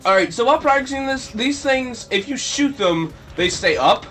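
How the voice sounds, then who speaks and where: A goofy young-sounding man rambles through his gameplay commentary in a high, light voice, jumping between jokes and sudden shrill yelps. Faint game music plays under him. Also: expressive, normal speed, fairly bright tone. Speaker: let's play commentator.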